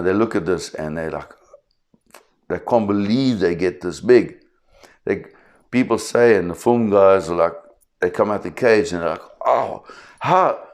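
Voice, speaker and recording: A South African man in his fifties, a shark expert explaining to camera with an emphatic, animated storytelling manner. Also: sits low. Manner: emphatic, animated storyteller who acts out quotes.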